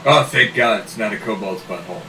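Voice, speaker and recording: A man's voice: on the low side, brisk, pushed and bright, faint music behind. A man chatting casually and jokingly as a player in a tabletop game. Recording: roomy, distant mic, faint noise.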